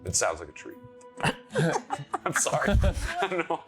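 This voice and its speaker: A man narrating a tabletop game as game master, improvising in a casual, animated, conversational way. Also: medium pitch, unhurried, over music.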